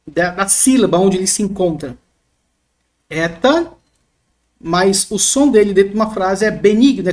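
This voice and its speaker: A teacher, slowly explaining letters and repeating each sound, often checking in with a quick question. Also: medium pitch. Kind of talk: explaining the Greek alphabet.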